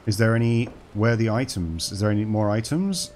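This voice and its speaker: Lower-voiced man joking through a horror game. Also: a little fast, a little mellow, a little hiss or hum. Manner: chatty and joking, talks to the game characters. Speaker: gaming channel host. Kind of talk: horror game playthrough commentary.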